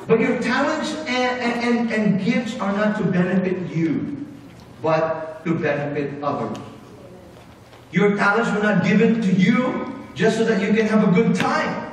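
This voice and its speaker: Middle-aged man, pastor, lively sermon, high voice, echoey church hall. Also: measured pace, far from the mic, slight background noise. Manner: animated preaching with big hand gestures, moving about the stage. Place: church sanctuary with brick wall, indoors.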